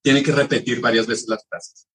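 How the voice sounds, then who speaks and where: A Colombian man in his thirties, chatting casually and explaining things at a measured pace with small restarts. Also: medium pitch, fairly even intonation, a bit bright. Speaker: guest. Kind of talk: casual chat.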